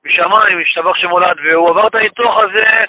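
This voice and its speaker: Male storyteller, high-pitched and raspy, earnest religious testimony with emphatic repetition. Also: steady tone, sharp tone, dry recording, poor audio. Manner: repeats phrases for emphasis; religious expressions woven into speech. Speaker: guest telling a personal story. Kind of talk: emotional personal testimony.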